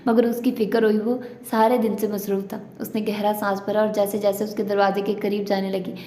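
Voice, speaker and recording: A woman reading a romance novel aloud in steady, scripted audiobook narration. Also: mid-range voice, a little fast, slight background noise. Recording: echoey room.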